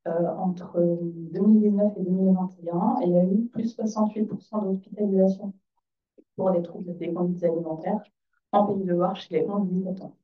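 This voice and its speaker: A hoarse woman with a raspy, breathy, nearly lost voice giving a conference presentation as a child psychiatrist. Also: on the low side, steady tone, moderate pace. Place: conference room. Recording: echoey, distant, dull hall microphone.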